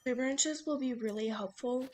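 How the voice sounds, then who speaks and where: A woman's voice: sits high, normal speed, darkish tone, soft background music. A young woman giving casual, instructive gameplay commentary as a let's play host, chatty and with many fillers.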